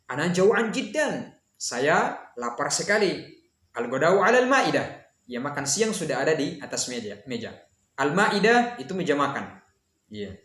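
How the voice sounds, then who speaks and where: Male Arabic tutor, slightly high voice, reads slowly then explains, roomy echo. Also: big pitch swings, fairly bright tone. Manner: reads Arabic lines slowly and clearly, explains in Indonesian with fillers. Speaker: Arabic teacher. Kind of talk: online Arabic lesson, reading dialogues and translating.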